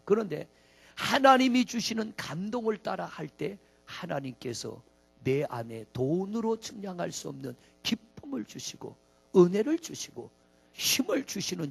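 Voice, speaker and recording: A man's voice: fairly high pitch, vocal fry, husky. A middle-aged man preaching a sermon as pastor, folksy, asking the congregation questions.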